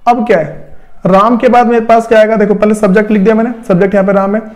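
High-voiced man teaching English grammar. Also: little pitch movement, fast, darkish tone. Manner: repetitive, rhetorical questions to students. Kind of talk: classroom lesson explaining grammar.

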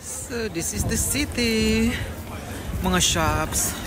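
A man's voice: sits high, a crowd in the background, background noise. A young man vlogging casually while walking a cold city street, phone held at arm's length, chatty and shivering. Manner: slow, chatty, often says "so, ayan". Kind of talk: casual travel vlog. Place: outdoors on a city street and in a train.

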